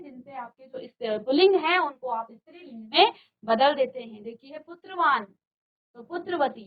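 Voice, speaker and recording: Slow, patient, high-voiced woman teacher. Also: muffled recording. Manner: slow, patient, repeats word pairs and asks rhetorical questions. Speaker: Hindi teacher. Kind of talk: virtual classroom grammar lesson. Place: studio.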